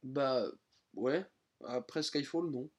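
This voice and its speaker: A man's voice: medium pitch, takes it slowly, breathy edge. A young man co-hosting a casual chat, telling a story animatedly and laughing often. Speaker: podcast co-host.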